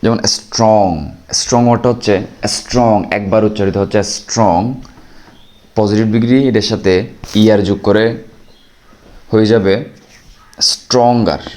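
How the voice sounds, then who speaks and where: Low mellow-voiced Bangladeshi teacher. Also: male voice, steady tone. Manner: patient, repeats examples slowly, checks understanding. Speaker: English teacher. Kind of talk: exam-prep grammar lesson.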